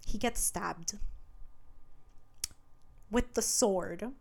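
A woman co-hosts a casual book podcast. She talks in an animated way at a medium pitch, laughing often and slipping into the characters' lines as she retells the story. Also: extremely slow, creaky. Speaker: podcast co-host.

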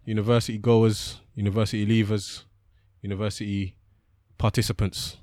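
A man's voice: fairly low pitch, little pitch movement, moderate pace, a little mellow, dry recording. Young London roadman podcaster, dry sound. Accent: London roadman, multicultural urban London. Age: 20s. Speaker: podcast co-host. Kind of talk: casual slang-heavy chat.

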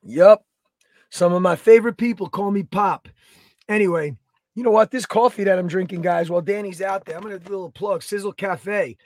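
A man, co-hosting a podcast in energetic, rambling casual chat. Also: sits high, fairly quick, dry recording. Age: 30s. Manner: energetic, rambling, plugs products. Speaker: podcast co-host.

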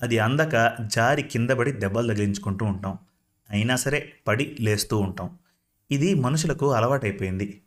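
Reflective male storyteller, mid-pitched. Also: normal speed. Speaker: narrator. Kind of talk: first-person story narration.

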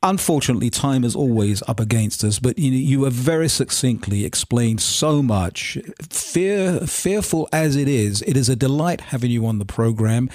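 A man hosting a radio interview show, slightly hoarse, praising his guest effusively. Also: mid-range voice, animated, moderate pace, hardly any pauses, darkish tone, no room sound, clean studio sound.

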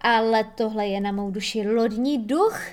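A woman's voice: a little high, soft background music, natural voice. Jittery prim young pirate, played by a woman in an audiobook, nervous and protesting. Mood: fearful. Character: frightened young male pirate, prim and educated. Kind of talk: audiobook reading.

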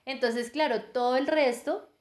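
A woman's voice: high voice, moderate pace. A young woman in casual chat, animatedly retelling a plot and laughing often. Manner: animated storyteller, laughs often, filler 'ta, ta, ta'.

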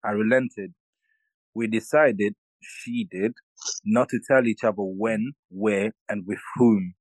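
A young man with a London roadman accent, talking in a slangy, animated way as a podcast co-host in casual banter and storytelling. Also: fairly low pitch, slow, dry recording, poor audio. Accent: London, urban roadman slang.

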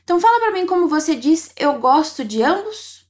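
A woman teaching Italian phrases, encouraging the listener and saying model sentences slowly to be repeated. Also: very high voice, big pitch swings. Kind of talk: language lesson narration.

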